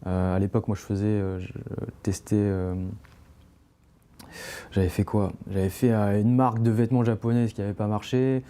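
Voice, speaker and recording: A man's voice: fairly low pitch, level tone, moderate pace, mellow. A young man, a podcast guest, talking casually and rambling with many fillers and restarts. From France. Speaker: interview guest, climbing brand founder.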